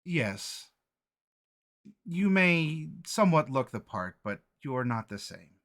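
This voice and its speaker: A man's voice: fairly high pitch, big pitch swings, takes it slowly, a bit bright, voice pushed up, full character voice. A man voicing a prim, matronly orphanage headmistress in a tabletop game, lecturing in an instructive tone. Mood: reassuring.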